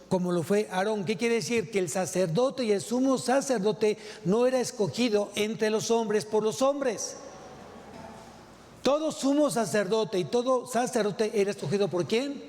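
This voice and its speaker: A man's voice: sits high, moderate pace, a little mellow. A male pastor with a Mexican Spanish accent preaching a sermon, asking rhetorical questions and repeating key phrases. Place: large church hall. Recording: long hall reverb.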